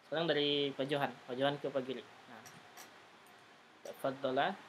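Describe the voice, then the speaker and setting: Here the same kind of Arabic lesson comes in a mid-range voice with fairly even intonation and a moderate pace, plus a little hiss or hum. He's patient in the online class, drilling pronunciation and repeating his "gitu, ya" tags.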